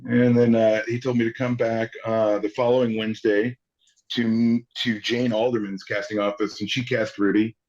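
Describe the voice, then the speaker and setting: A man's voice: medium pitch, normal speed. A man in his forties, an actor guest, telling anecdotes casually and acting out the people in them. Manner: animated storyteller who acts out the people he quotes. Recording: slightly dull lo-fi audio.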